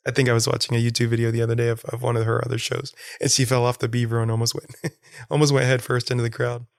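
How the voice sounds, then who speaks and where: A man's voice: mid-range voice, little pitch movement, fast talker, vocal fry, no room sound, studio quality. A man hosting a podcast, rambling with enthusiasm about a concert and laughing often. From Florida. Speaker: podcast host. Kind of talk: casual solo podcast monologue.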